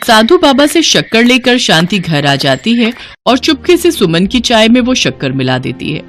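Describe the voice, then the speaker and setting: A woman reading a scripted storybook narration with an even storytelling delivery. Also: on the high side, normal speed, soft background music.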